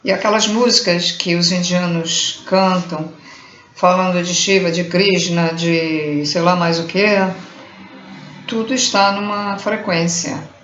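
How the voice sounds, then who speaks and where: A Brazilian woman giving an informal spiritual talk, chanting mantras slowly as examples and groping for words she has forgotten. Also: fairly low pitch, fairly even intonation, fairly bright tone, slight background noise. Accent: Brazilian Portuguese. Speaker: spiritual teacher. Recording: roomy, muffled home recording.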